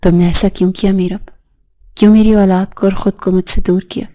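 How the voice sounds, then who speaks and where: A woman reading a remorseful husband and father in a storybook drama. He pleads in a choked voice. The reading is mellow and flat. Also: medium pitch, natural voice. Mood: pleading remorse.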